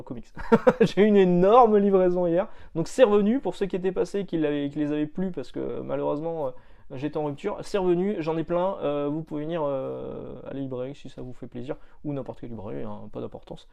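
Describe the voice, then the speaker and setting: A man's voice: fairly high pitch, brisk, vocal fry, dark tone, dull audio. A man who runs a comic shop, chatting casually to his viewers in a rambling way, with many fillers and restarts. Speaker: comic shop owner and video host. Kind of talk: casual chat.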